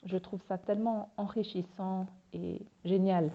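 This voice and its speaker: A woman hosts a podcast with a calm, encouraging scripted monologue that speaks directly to her listeners. Her voice has a gravelly fry at the ends of phrases. The recording sounds a little dull and lo-fi. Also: mid-range voice, measured pace. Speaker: podcast host and French teacher.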